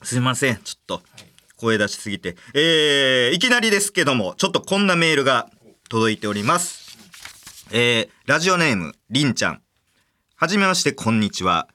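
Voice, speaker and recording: Lively jokey Kansai-accented man. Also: mid-range voice, fairly quick. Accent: Kansai Japanese. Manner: jokey, playful banter with lots of laughter. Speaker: podcast host. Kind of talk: casual comedic podcast chat.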